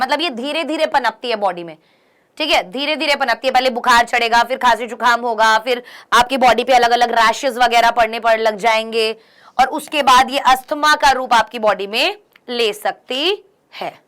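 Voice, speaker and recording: A young woman teaching an exam-prep lesson, reading English lines slowly and then explaining them, often asking her students questions to check they follow. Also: on the high side, sharp tone, clean tone.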